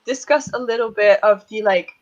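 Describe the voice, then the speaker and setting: A woman's voice: medium pitch, normal speed. Chatty woman on muffled call audio. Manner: chatty, warm, laughs often. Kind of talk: casual discussion on a video call. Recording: dull lo-fi video call audio.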